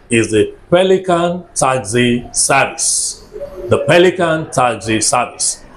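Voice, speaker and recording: A man with a West African English accent hosting an on-location travel interview. He keeps the talk lively and repeats his guests' answers back to them. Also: mid-range voice, reverberant, a little hiss or hum. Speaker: travel vlogger interviewing staff. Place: indoor restaurant and office.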